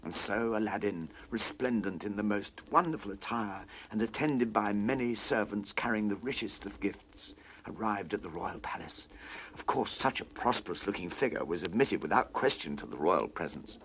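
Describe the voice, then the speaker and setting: A man's voice: lowish voice, moderate pace, fairly bright tone, slight background noise, low-quality recording. A man narrating a scripted children's story dramatically as its storyteller.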